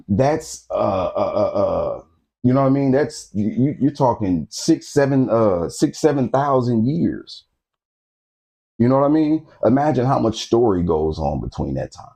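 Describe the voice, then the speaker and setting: A man with a low, husky, dark voice lectures in street talk like a street-corner preacher, repeating phrases and often asking "you understand what I'm saying". He hosts a history talk channel, giving a casual lecture to the camera.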